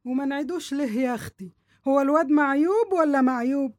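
A woman's voice: sits high, quick pace, a little mellow, dry recording, studio quality, close to an everyday voice. A woman with an Egyptian accent playing a domineering, greedy middle-aged aunt in a drama, nagging and scolding in colloquial speech. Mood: nagging, menacing. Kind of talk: dramatic dialogue.

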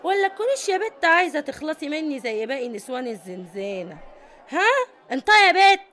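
A woman's voice: high voice, fast, fairly bright tone. An actress with an Egyptian accent playing a tough, domineering middle-aged female prison boss who scolds and commands. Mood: bossy.

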